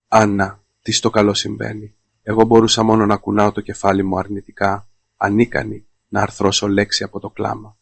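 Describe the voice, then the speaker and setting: A man reads a first-person story aloud in a flat monotone. His voice is low and gravelly, and the sound is dry and close. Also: no room sound. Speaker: narrator. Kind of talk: scripted narration.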